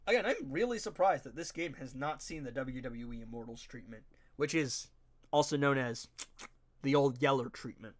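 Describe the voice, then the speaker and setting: With a stuffed-up nose lending his voice a nasal quality, a young adult man gives casual commentary while streaming a game, speaking slangily to his chat. His pitch is medium, his intonation lively, and his pace moderate.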